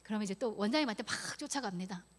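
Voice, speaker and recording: A woman in her thirties preaching in an afternoon worship service. She tells a personal story in a lively, expressive way. Her voice sits at an ordinary middle pitch, and at emotional points it drops to a hushed whisper. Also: very fast. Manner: storytelling, acts out quoted prayers and scoldings.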